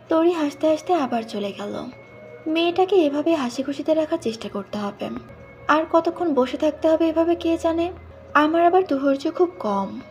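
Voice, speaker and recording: A woman with a high, slightly gravelly voice reads a first-person story aloud, telling it in a plain conversational way. Soft music plays faintly beneath her. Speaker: audiobook narrator.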